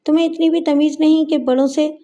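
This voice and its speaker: A woman's voice: sits high, fairly even intonation, warm tone, voice pushed up, close to an everyday voice. A woman reading the part of a doting but stern father in a story, scolding in her own voice.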